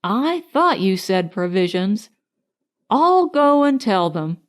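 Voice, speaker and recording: A woman's voice: mid-range voice, sing-song, slow pace. A woman voicing a cheerful, naive, bumbling toy bear in a storybook, eager and muddling his words. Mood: happily puzzled.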